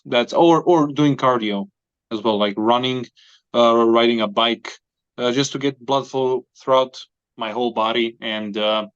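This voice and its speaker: A man from Croatia, a guest giving measured, thoughtful answers in a casual interview. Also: mid-range voice, a bit bright, clear, resonant tone. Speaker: podcast guest, arm wrestler. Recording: dull, dry, lo-fi sound.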